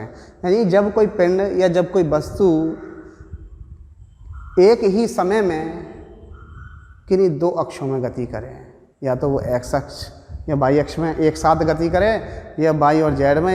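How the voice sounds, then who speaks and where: A man's voice: on the high side, a little mellow. A man with a Hindi accent teaching a physics lesson at a board, explaining step by step and answering his own questions. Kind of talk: classroom physics lecture at a board. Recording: echoey room with long reverb.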